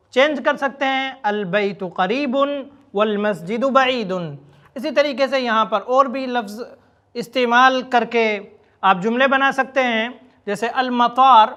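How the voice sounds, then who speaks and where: A man teaching a spoken language lesson, explaining words quickly and then repeating example phrases slowly and deliberately. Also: extremely high pitch, bright, forceful tone, dull audio. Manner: slow, drawn-out repetition of example phrases. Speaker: Arabic teacher.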